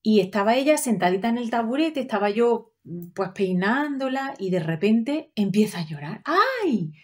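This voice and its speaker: Woman telling a lively personal story. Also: on the high side, moderate pace. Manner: animated storytelling, acting out her child's and teacher's voices. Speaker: mother telling her experience. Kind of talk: personal anecdote, conversational.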